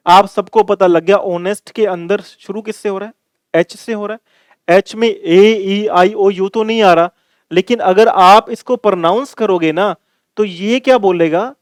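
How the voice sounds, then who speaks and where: High-voiced man teaching grammar. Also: a little slow, clean tone, no echo. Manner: addresses viewers as dear children, repeats points for emphasis. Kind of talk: classroom-style grammar lesson.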